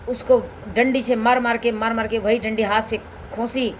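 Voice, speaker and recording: Lady telling a devotional story, gentle and homely, loops back on her words. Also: on the high side, level tone, moderate pace, a little hiss or hum, rough recording.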